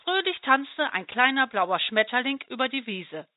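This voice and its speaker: A woman who volunteers in a parish, reading a children's story aloud in a gentle, expressive way. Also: high voice, moderate pace, no echo. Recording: dry, tinny phone-like sound.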